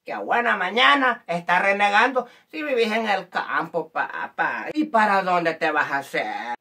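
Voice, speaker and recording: A man's voice: sits high, bright, forceful tone, recorded from a distance. A man ranting in a mocking, slangy comic style, breaking into laughter. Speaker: comedy sketch host. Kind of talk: comic rant to camera.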